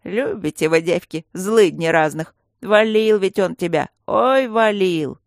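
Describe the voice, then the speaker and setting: A reader voicing a gruff, bossy male stone guardian who grumbles and barks, in a storybook reading. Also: mid-range voice, a little slow, no room sound, clean studio sound, lightly acted. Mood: scolding. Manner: gruff, barking and coaxing by turns. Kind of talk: audiobook character voice.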